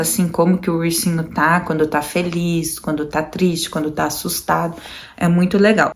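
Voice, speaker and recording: Patient Brazilian mother, low voice. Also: a little mellow. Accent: Brazilian Portuguese. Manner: patient, step-by-step, repeats examples. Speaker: mother sharing parenting experience. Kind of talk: casual explanatory monologue to viewers.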